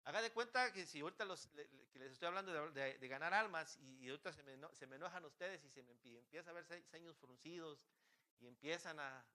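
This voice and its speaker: A man preaches in a church, his voice high and bright with a forceful edge. He presses his listeners with fervent rhetorical questions and keeps stumbling and restarting his phrases. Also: fast. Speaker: pastor. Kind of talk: sermon.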